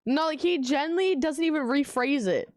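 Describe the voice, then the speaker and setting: A woman's voice: high-pitched, a little fast, no echo, clean studio sound. A woman streaming live, reacting to a clip with incredulous, laughing asides.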